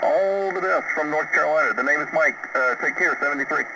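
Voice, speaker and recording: A man's voice: on the high side, quick pace. A man working as a ham radio operator, taking calls over a shortwave radio with an easygoing manner and lots of "uh" fillers, spelling call signs phonetically. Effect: voice heard over a shortwave radio receiver. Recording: noisy, distant shortwave radio reception.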